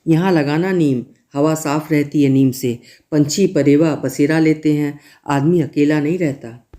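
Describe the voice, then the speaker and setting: A man's voice: on the high side, steady tone, a little slow, warm tone, close to an everyday voice. A man voicing a kindly old village aunt. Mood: advising. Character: kindly older village aunt giving advice.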